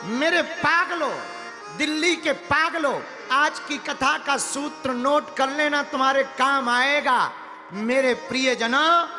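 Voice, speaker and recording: High-voiced preacher in an echoing hall. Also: male voice, bright, forceful tone. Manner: folksy, teasing, sing-song verses. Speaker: religious preacher. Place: large hall with an audience.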